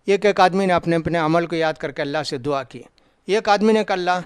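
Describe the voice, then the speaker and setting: Speaking with a South Indian Urdu accent, this Islamic scholar preaches through stories, performing the dialogue and hammering points home with repetition. The voice is a little high, clear and resonant, with studio quality and no room sound.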